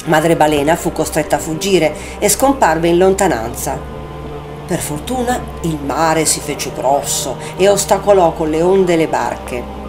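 Lady reading a fairy tale, lowish voice, calm, loud music under her. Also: measured pace. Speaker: storyteller. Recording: loud music bed behind.

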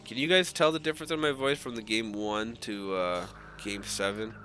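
A man's voice: on the low side, normal speed, fairly bright tone. Groggy, just-woken male game caster. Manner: rambling, casual play-by-play with frequent restarts and swearing. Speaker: esports caster. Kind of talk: live game commentary.

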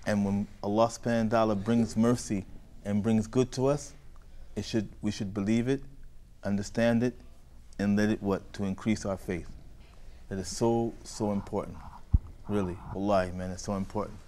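A man's voice: lowish voice, steady tone, normal speed, mellow. A man with an American accent telling a moral story to children as their teacher. He keeps asking questions and waiting for the children to answer. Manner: questioning, call-and-response with children.

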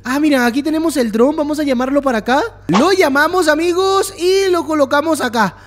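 This gameplay channel host talks in a high voice at a fairly quick pace. He offers excited commentary, exclaims and cracks jokes at the game, and reads the on-screen text out loud.

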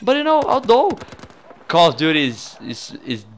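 Excitable and swearing casually, a young Brazilian man hosts a gaming video in his Brazilian accent; Portuguese is his native tongue. He speaks at a moderate pace with a slightly high voice.

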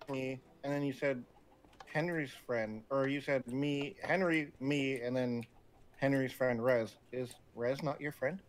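A man chatting casually during a co-op game, teasing his friends with curious questions. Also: medium pitch. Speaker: co-op player. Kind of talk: casual gaming chat.

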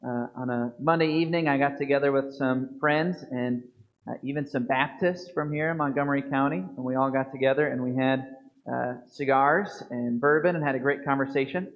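A man in his thirties, a priest giving a homily at a church lectern into a fixed microphone, preaching earnestly with slow emphatic stresses. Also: medium pitch. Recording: dull lo-fi church video stream.

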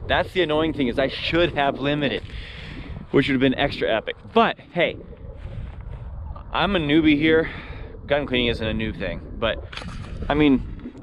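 A man talking excitedly to his action camera outdoors in a field, vlogging his solo hunt. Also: medium pitch, noisy background. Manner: excitable, talkative, quick to gush. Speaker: hunting vlogger. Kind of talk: solo hunting vlog.

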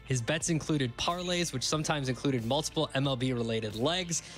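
A man's voice: mid-range voice, a little fast, a bit bright, soft background music. Young man reading sports news items. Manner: reads items steadily, with frequent "uh" fillers. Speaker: radio show producer reading news items. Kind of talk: casual news rundown. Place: radio studio. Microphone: studio mic with headphones.

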